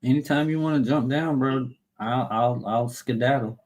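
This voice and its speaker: A man's voice: mid-range voice, normal speed, darkish tone, rough recording. A man hosting a casual, rambling, slangy chat. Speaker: stream host.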